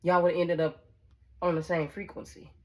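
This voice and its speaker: A woman with a notably low voice reads tarot in a loose, conversational way. She talks bluntly and swears without hesitation. She circles back over her own phrases and keeps checking in with her listener. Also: flat delivery, normal speed, a little mellow. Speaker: tarot reader. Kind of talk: casual tarot reading to viewers.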